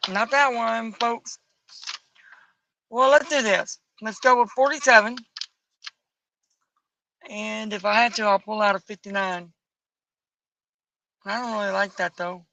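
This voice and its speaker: Bright-toned woman chatting while coloring. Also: medium pitch, fairly even intonation, a little slow, long pauses, muffled recording. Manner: muses aloud, picky and chatty, folksy asides. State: rough morning voice. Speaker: streamer coloring live. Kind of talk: casual chat while coloring. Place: home at night.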